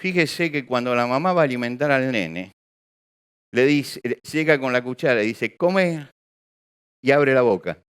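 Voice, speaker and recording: A man's voice: mid-range voice, normal speed, a bit bright, clear, resonant tone. A male pastor preaching to a live congregation, asking rhetorical questions and acting out small examples. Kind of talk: sermon. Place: church or hall with an audience.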